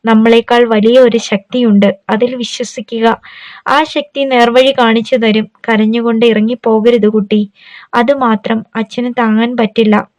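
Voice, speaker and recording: A woman voicing an old father who speaks in a gentle, consoling way. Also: fairly high pitch, level tone, a little slow, no room sound, close to an everyday voice.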